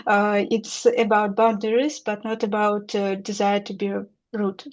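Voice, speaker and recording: A woman's voice: mid-range voice, flat delivery, measured pace. A Russian woman with a Russian accent, speaking English conversationally and hesitantly as she searches for words. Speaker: English club participant. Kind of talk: halting conversational second-language speech. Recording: dull lo-fi online call.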